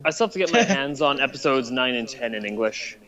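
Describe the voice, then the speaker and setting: A man's voice: medium pitch, lively intonation, fairly quick, sharp tone, dull audio. An easygoing man in a late-night chat who slips laughs into his sentences. His voice sits in a plain middle register. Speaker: podcast co-host.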